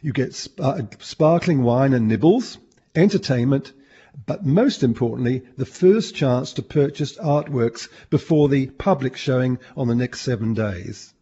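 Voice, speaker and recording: A hoarse man in chatty radio talk, wry and clearing his throat now and then. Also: medium pitch, expressive, measured pace, dark tone, muffled recording. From Australia. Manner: chatty, wry, reads out items.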